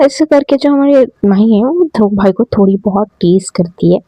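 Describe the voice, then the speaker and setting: A woman's voice: medium pitch, animated, moderate pace, warm tone, husky, no room sound, poor audio. A woman casually narrating a romance audio story, chatty and speaking to her listeners. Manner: chatty, addresses listeners directly.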